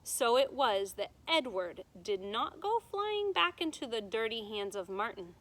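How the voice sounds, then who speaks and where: In a rough recording, a woman whose voice sits a little high works through a children's storybook for her students, reading expressively and deliberately while explaining as she goes.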